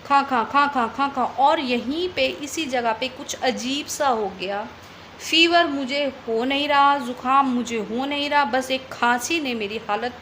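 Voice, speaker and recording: A woman's voice: high voice, fairly bright tone, slight background noise. A young woman from Delhi telling a personal story on her vlog in a chatty way, often repeating phrases for emphasis. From Delhi, India. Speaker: vlogger.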